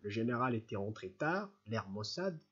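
Un homme lit un grand roman à voix posée et régulière. Sa voix est un peu voilée, et l'enregistrement reste légèrement étouffé. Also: male voice, lowish voice, big pitch swings, moderate pace, fairly bright tone, slightly rough, highs cut off. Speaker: audiobook reader. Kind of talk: audiobook narration of a classic novel.

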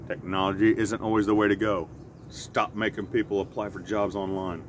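The speaker, a middle-aged pipe vlogger, relaxes into casual storytelling outdoors beside a sided house, halting and self-correcting in a deep voice with little pitch movement. He is filmed by a camera a short distance in front, and a clear hum from traffic or an air conditioner fills the background.

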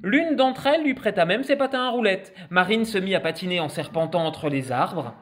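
A man reading a children's picture book aloud, expressive and animated. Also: high voice, normal speed. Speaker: storyteller.

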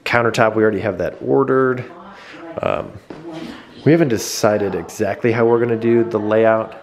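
A low-voiced, upbeat man with a steady tone co-hosts a vlog, chatting casually while giving a house tour. He talks quickly and rambles, often restarting his sentences, indoors in a living room at home.

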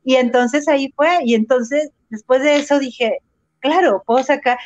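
Animated Mexican woman telling her story. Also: high voice, moderate pace, no echo, muffled recording. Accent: Mexican Spanish. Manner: animated storyteller, acts out her own reactions. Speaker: interview guest, runner and entrepreneur. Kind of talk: casual interview over a live video call. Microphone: video call microphone.

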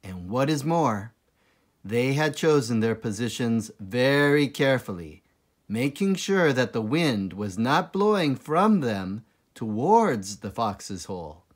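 A man narrating a children's storybook aloud in a dramatic, deliberate manner with suspenseful pauses. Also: medium pitch, very animated. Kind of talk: expressive children's storybook reading.

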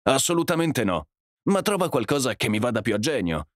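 A bold young man brushes off danger with a teasing, self-assured air, as a male narrator acts him out. His voice sits higher than the reader's usual tone, with a bouncy, animated line. The recording is close and dry. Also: brisk, dry recording, natural voice. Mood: cocky. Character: bold young man, cocky and quick to laugh. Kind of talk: audiobook character voice.

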